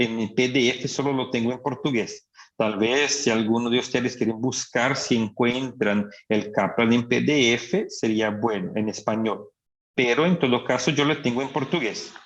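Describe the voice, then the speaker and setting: A man teaching a psychiatry class, explaining slowly and asking rhetorical questions. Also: medium pitch. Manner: acts out patients' speech. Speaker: psychiatry lecturer. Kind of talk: lecture. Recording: dull lo-fi recording.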